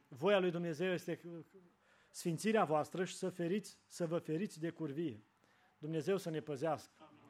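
A man preaching a sermon to his congregation, earnest, acting out short dialogues in changed voices. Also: fairly high pitch.

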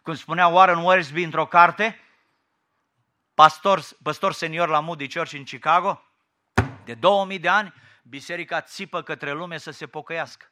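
A man's voice: fairly high pitch, steady tone, bright, forceful tone. A man with a Romanian accent preaching a sermon in a fiery, rhetorical and mocking way.

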